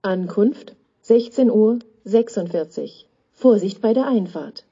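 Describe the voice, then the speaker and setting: Slow, flat platform announcement, female voice. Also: medium pitch, breathy edge. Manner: flat, clipped, piecemeal phrasing. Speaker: automated railway station announcer. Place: railway platform, outdoors, over loudspeakers. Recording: dull lo-fi station PA, background noise.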